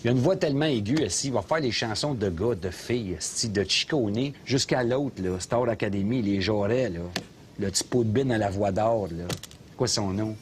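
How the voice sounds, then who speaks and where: A man's voice: on the low side, normal speed, slight background noise, close to an everyday voice. A man playing a ranting Québécois cab driver. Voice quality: sarcastic ranting, mocking. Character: loud opinionated middle-aged male taxi driver. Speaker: taxi driver. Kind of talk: scripted comedy sketch. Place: inside a taxi.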